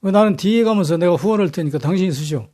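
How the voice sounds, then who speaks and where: Guy doing a huffy navy commander, scolding, bit higher pitched, mellow tone. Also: expressive, racing. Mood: indignant. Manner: scolding, retorting. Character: indignant, brusque male naval commander.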